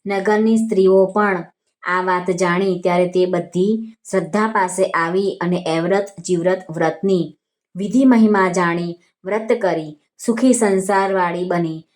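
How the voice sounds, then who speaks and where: A woman with a Gujarati accent narrating a devotional vrat story in a calm, measured reading voice. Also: lowish voice. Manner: calm, measured reading with quoted dialogue lines.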